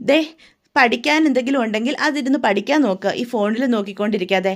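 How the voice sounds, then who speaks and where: A woman's voice: a little high, fairly even intonation, quick pace, lightly acted. A woman voicing a caring older sister who patiently advises and warns her younger sister. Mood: advising. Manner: patient, advising, repeated questions.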